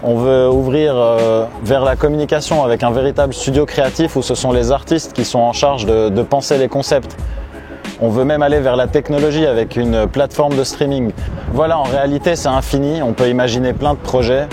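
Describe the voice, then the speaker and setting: A man in his thirties speaks at a mid pitch in an earnest, reflective founder's pitch, often pausing on hesitant fillers. Music plays under his voice. Outdoors above a city, distant traffic can be heard. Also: steady tone. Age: 30s. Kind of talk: promotional personal narration.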